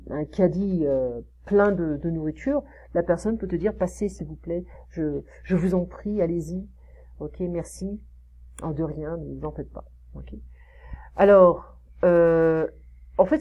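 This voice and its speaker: A French woman tutoring French one-on-one, explaining slowly with many fillers and modelling pronunciation. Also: medium pitch, mellow. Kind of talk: one-on-one online French lesson.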